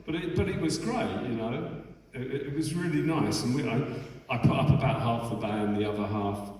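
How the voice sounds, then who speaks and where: A man's voice: medium pitch, brisk, a little mellow. A middle-aged man tells stories in a loose, rambling way, with restarts and frequent swearing. He sounds far off in a big, echoey festival hall with a long reverb. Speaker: bass player telling stories on stage. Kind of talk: casual onstage anecdote.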